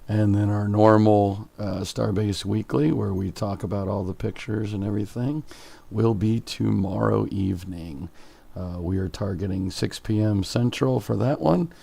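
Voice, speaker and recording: A man with a croaky voice producing a live stream, reading viewer questions and announcements and clearing his throat often. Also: on the low side, normal speed, mellow.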